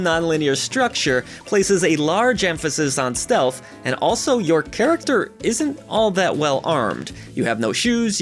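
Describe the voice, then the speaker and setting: A man narrating a scripted roundup of new game releases in an upbeat, jokey way, with playful asides, over background music. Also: on the high side. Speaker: gaming channel host.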